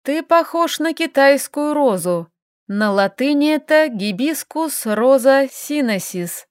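A woman voicing a stubborn, feisty young heroine who bickers and exclaims in quick, sharp lines, read from an audiobook. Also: sits high, lively intonation, no echo, studio quality, pitched above the performer's own voice.

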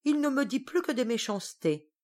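A woman's voice: sits high, lively intonation, a little fast, a little mellow, pitched above the performer's own voice. A woman voicing a vain, grumpy witch who complains indignantly. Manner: indignant, whiny.

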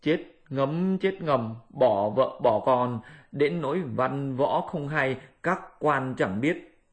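A tender-hearted old monk master, speaking slowly and mournfully in a middle voice, as a male storyteller puts him on. He preaches compassion in drawn-out phrases. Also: mid-range voice, steady tone, natural voice. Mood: lamenting. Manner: slow, lamenting, preachy.

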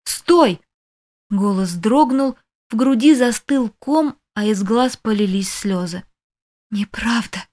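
A woman's voice: fairly high pitch, unhurried, mellow. Emotive woman reading an audiobook. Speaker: audiobook narrator. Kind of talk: scripted first-person narration.

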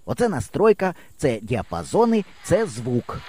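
A man voicing a calm, modest city boy. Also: on the high side, a little slow, slight background noise. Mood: friendly. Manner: simple, friendly, unboastful. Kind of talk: audiobook character voice.

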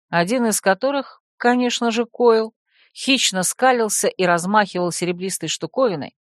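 A woman reading a first-person audiobook in an expressive, ironic storytelling manner. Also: medium pitch, dry recording, studio quality. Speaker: audiobook narrator.

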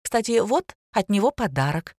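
A woman voicing a stern, calculating middle-aged school official in an audiobook, her speech firm and measured. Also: mid-range voice, very animated, a little mellow, no echo, clean studio sound. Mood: coaxing.

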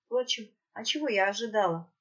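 A woman reading a fantasy novel aloud in the first person, with an even storytelling manner. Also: mid-range voice, a little fast, muffled recording. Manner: even storytelling, occasional slips. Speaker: audiobook narrator.

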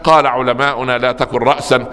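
A man with an Egyptian accent lectures a gathered audience on religion, spinning anecdotes and pausing to quiz his listeners with rhetorical questions. His voice sits at an ordinary middle pitch for a man. It rings out with the long, trailing reverb of a large hall. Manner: lively storyteller, keeps asking the audience rhetorical questions. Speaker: preacher teaching a religious lesson.

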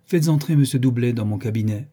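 A grim young marquis gives short, cold orders with bitter irony, as a man reads him aloud. The voice is dark and husky. It is a classic novel read as an audiobook. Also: mid-range voice, fairly quick, natural voice. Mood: curt. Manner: curt, bitterly ironic.

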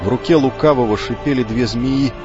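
A man reading a story aloud as an audiobook narrator, in an even storytelling delivery. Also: medium pitch, fairly quick. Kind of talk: scripted narration. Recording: dull lo-fi with faint music.

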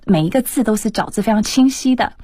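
A woman's voice: medium pitch, expressive, quick pace, warm tone, slightly rough, dry recording. A woman who works as an exam examiner and teacher, explaining test tips as a guest on a radio talk show, with many hesitant fillers.

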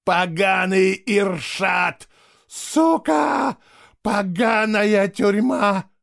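A man voicing an enraged young man trapped in a cyborg body, bitter and swinging between whispers and ragged shouts. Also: medium pitch, lively intonation, a little fast, no echo, studio quality, lightly acted. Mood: furious shouting.

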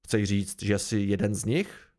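A man reading an audiobook, voicing a gruff middle-aged village mayor who is suspicious and quick to anger, with a creaky voice. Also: mid-range voice, animated, close to an everyday voice. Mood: angry.

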